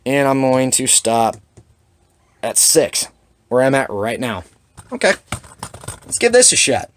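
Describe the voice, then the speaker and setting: A man's voice: medium pitch, big pitch swings, unhurried. A man walking through a hands-on equipment demonstration, talking plainly with dry sarcastic asides. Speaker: shotgun reloading demonstrator.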